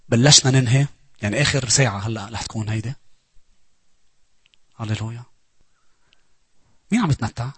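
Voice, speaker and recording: Fast, husky-voiced Lebanese man preaching. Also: no room sound. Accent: Lebanese Arabic. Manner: animated, swings between loud urging and low asides. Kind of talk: sermon.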